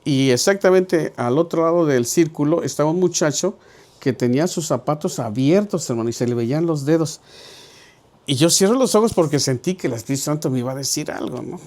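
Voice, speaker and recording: Pastor, middle-aged, slightly high-pitched man, conversational preaching with acted-out dialogue. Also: animated, brisk, darkish tone. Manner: conversational, acts out dialogue in his stories. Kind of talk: Bible study sermon with storytelling.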